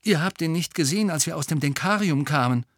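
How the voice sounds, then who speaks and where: A man's voice: fairly high pitch, lively intonation, fast talker, a bit bright, no room sound, studio quality, pitched above the performer's own voice. Harry, a man doing a hesitant teenage boy. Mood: uneasy. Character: teenage wizard boy, guarded and uneasy.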